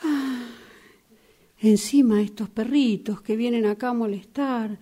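In an amateur radio drama, a woman plays a fussy, solicitous retired older sister with a Rioplatense Argentine accent, trading plaintive gossip and fretful exclamations. Her voice is mellow, on the high side, and a little slow.

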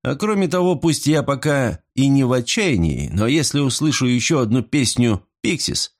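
A man's voice: medium pitch, big pitch swings, moderate pace, voice pushed up. A man doing a grumbling old bar regular. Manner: grumbling, boastful. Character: gruff older bearded regular, whisky drinker.

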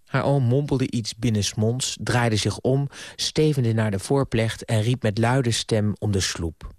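A man narrating a radio story with expressive storytelling. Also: mid-range voice, measured pace, no room sound, clean studio sound.

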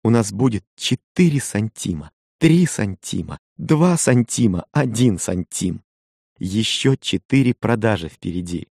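A man's voice: lowish voice, expressive, a little slow, gravelly, darkish tone, breathy edge, no room sound, studio quality, pitched above the performer's own voice, exaggerated voice. A man voicing a loving, resolute young island woman who speaks earnestly and pleads with feeling. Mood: determined.

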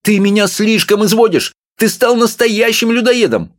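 A man reading an audiobook and voicing a small, excitable older woman who scolds in a shrill voice. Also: moderate pace, close to an everyday voice. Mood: indignant scolding.

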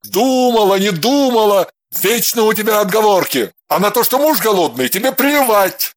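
A man voicing a jealous, furious husband who snaps and shouts at his wife. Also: on the high side, animated, slow, no echo. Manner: shouting, snapping, harsh. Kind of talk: audiobook character voice.

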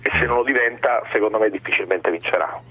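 A man's voice: lowish voice, fast talker, slightly rough. A man co-hosting sports radio, giving conversational football analysis and repeating words as he builds his points. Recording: dull lo-fi radio sound.

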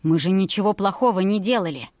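A woman's voice: medium pitch, quick pace, a little mellow, no echo, clean studio sound, natural voice. A woman voicing a sly young male scoundrel who speaks sullenly.

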